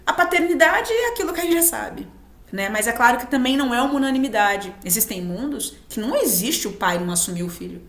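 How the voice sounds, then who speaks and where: A Brazilian woman speaks with a Brazilian Portuguese accent in a fairly high, very lively voice, swinging her pitch as she teaches. Her spiritual talk is emphatic and she voices little quoted exchanges along the way. The sound carries a clear roomy echo. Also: quick pace.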